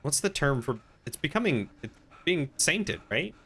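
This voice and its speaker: A man's voice: fairly high pitch, big pitch swings, moderate pace, a bit bright, slightly rough. A man giving casual, wry gameplay commentary as a streamer, playfully teasing the game's characters. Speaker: game streamer. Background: faint game sounds.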